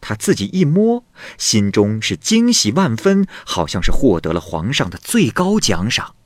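A male storyteller retelling a classic ghost tale in plain vernacular, leisurely and expressive, doing the voices of all the characters. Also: fairly low pitch, moderate pace, dry recording, studio quality.

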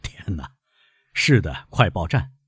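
A suave, mysterious count, as a male narrator voices him, measured and courtly, unhurried in his turns of phrase. His husky, low voice rises and falls widely, recorded dry and close. He comes from a storybook reading. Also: very animated, no echo, exaggerated voice.

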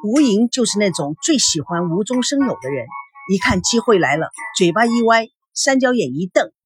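A woman narrating an audio story in a lively storytelling manner and playing every part. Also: mid-range voice, normal speed, soft background music. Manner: lively storytelling, plays all parts.

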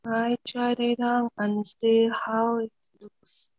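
A woman student reads her part of a practice dialogue in a quiet, halting way. Her voice sits fairly high but stays flat and slow. She sounds distant from the mic. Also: no echo. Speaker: student in the lesson.

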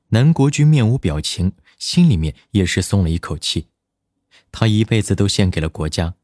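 Brief: male audiobook narrator, low, steady, dry close mic. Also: no room sound.

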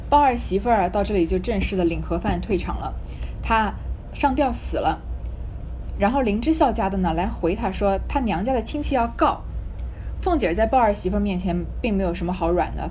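A woman's voice: medium pitch, a little mellow, slight background noise. A woman reading a classic novel aloud and explaining it in chatty, plain modern talk. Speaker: reader and commentator of a classic novel. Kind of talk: novel reading with casual commentary.

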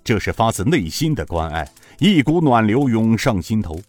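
A man narrating an audiobook with an expressive storytelling delivery. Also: lowish voice, normal speed, no room sound, soft background music. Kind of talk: audiobook narration of a martial-arts novel.

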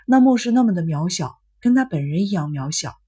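A woman voicing a troubled, remorseful young man on the phone in a storybook reading, speaking flatly and quietly. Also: on the low side, a little fast, husky. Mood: subdued. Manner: flat, subdued speech.

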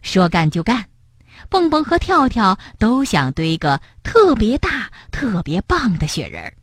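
A woman reading a children's storybook aloud in an expressive way, speaking to young listeners. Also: mid-range voice, measured pace, husky, dry recording, studio quality.

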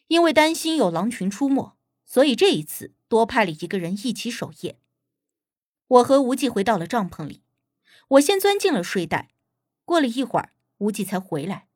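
A woman narrating an audiobook in a steady, expressive storytelling manner, recorded on a close studio mic. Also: on the high side, dry recording.

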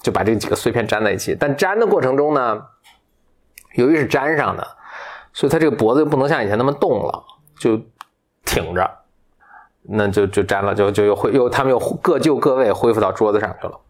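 A man's voice: mid-range voice, animated, fast. A man casually retelling a fairy tale in a chatty, loose manner. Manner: chatty, with frequent fillers and restarts. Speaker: storyteller.

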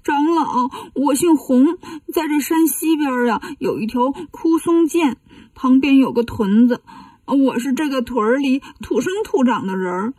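A woman's voice: fairly high pitch, dark tone, breathy edge, dry recording, far from the mic. A woman storyteller voicing a sly demon who poses as a tearful little boy, whining and pleading.

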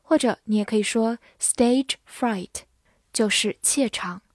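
A woman teaching English vocabulary, spelling words letter by letter and reading example sentences slowly and carefully for learners. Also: a little high, darkish tone, no room sound, studio quality.

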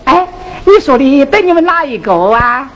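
A Sichuan opera performer playing a sharp-tongued teahouse keeper who mocks a poor scholar, scolding in a Sichuanese accent. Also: high-pitched, expressive. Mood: scornful. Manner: scolding, teasing, drawn-out sing-song delivery. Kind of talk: Sichuan opera stage acting, spoken and sung. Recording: hissy old opera film soundtrack.

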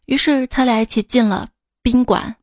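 A podcast host tells short funny stories in a chatty way, laughing at her own jokes as she reads them. Her voice is a little high and a little mellow, steady in tone at normal speed. She's recorded on a close mic.

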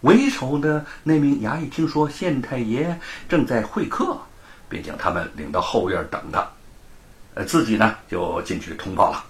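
A man telling a story in a dramatic, expressive way. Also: mid-range voice, moderate pace. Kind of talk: storytelling narration.

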